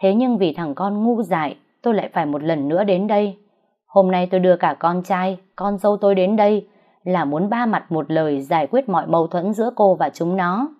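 A woman's voice: fairly low pitch, brisk, close to an everyday voice. Woman voicing a scornful older mother-in-law. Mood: scolding. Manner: cold, scolding, contemptuous. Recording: dull lo-fi recording.

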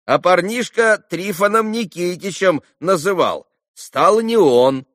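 A man's voice: high voice, animated, slow pace, a bit bright, dry recording, studio quality, pitched above the performer's own voice, full character voice. A man voicing a chatty peasant market woman guessing at a name, in a storybook reading. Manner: folksy, chatty.

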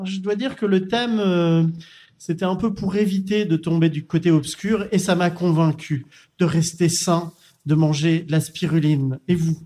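A man's voice: a little high, steady tone, moderate pace, warm tone. A man hosting a casual podcast chat, jokey and leading the round of guests. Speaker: podcast host.

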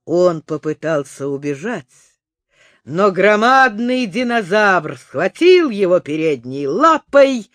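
A man narrating a children's book in an expressive storytelling manner. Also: sits high, slow pace, no echo, studio quality. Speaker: audiobook narrator.

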